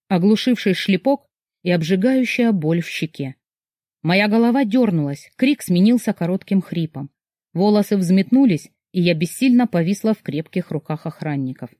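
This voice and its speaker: A woman narrating a dark first-person novel as an audiobook, reading with tense emotion. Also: lowish voice, dry recording, studio quality.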